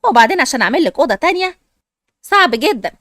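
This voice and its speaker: Strict tired mom, woman voicing her, scolds fast, high voice, egyptian accent. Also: sing-song, a bit bright, dry recording, studio quality. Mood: stern. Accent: Egyptian Arabic. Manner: scolding, impatient. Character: strict, tired mother of two girls.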